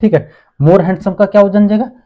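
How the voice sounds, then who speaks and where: A man with a high voice teaches an English grammar lesson, asking rhetorical questions, answering them himself, and repeating words slowly. The sound is lo-fi.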